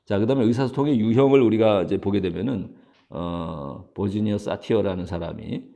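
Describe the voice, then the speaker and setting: Gravelly low-voiced male lecturer. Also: mellow, muffled recording. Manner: explains slowly, with many fillers and acted examples. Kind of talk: university lecture.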